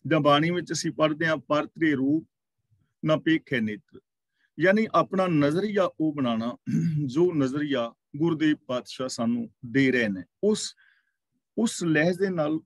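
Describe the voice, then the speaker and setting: Man teaching scripture, slow verse recitation. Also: on the high side, no echo. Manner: slow deliberate recitation of verses, then explaining. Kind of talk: scripture explanation class.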